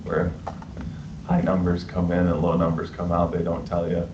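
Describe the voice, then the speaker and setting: A man from a wastewater utility explaining things at a public meeting, pausing often with fillers. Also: deep voice, completely flat delivery. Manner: hesitant, filler-heavy explaining. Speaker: wastewater utility staff member. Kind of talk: meeting discussion. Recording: echoey, dull meeting recording with faint hiss.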